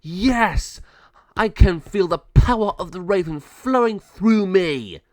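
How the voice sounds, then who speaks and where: A man's voice: sits high, lively intonation, slow, dry recording, studio quality, voice pushed up. Man playing a drawling, taunting villainous sorceress. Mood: gloating. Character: villainous gloating sorceress sister, later giant raven.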